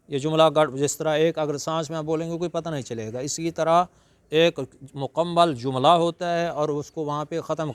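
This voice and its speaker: A man giving a religious lecture, teaching slowly and breaking into drawn-out Arabic recitation. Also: a little high, clean tone, dry recording. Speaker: Quran reciter and preacher.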